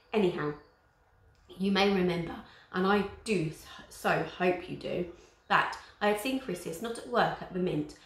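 Woman reading a storybook aloud. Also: fairly low pitch. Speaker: teacher reading a book aloud. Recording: roomy echo.

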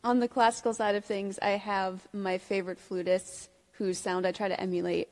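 A young woman in her twenties answers interview questions in a composed, articulate way on a concert hall stage. Her mid-pitched voice trails off into a long hall reverb. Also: little pitch movement, moderate pace, a little mellow. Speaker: flutist.

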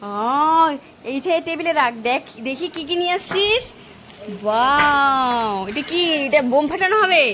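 A woman filming a casual family vlog, talking with her kids in an animated, playfully scolding way. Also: extremely high pitch, normal speed, noisy background. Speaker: family vlogger and mother.

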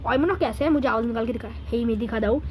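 Brief: a man voicing a squeaky, boastful cartoon cat gamer, rattling off commentary over loud game noise. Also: very fast, rough recording. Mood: excited chatter. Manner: chattery, calls everyone brother, boastful. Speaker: gaming video host. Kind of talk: in-character gameplay commentary.

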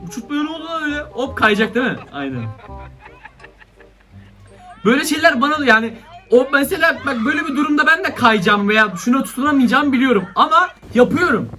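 A man's voice: extremely high pitch, sing-song, fast talker, pushed and bright, faint music behind. A young man giving casual, slangy commentary on funny video clips, often laughing and exclaiming. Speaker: YouTuber reacting to funny clips.

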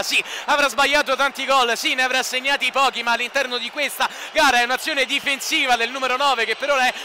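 A man giving live radio football commentary in a fast, crisp, emphatic manner. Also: very high-pitched. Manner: excited, emphatic delivery. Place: football stadium, commentary position. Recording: outdoor stadium ambience noise. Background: faint stadium ambience.

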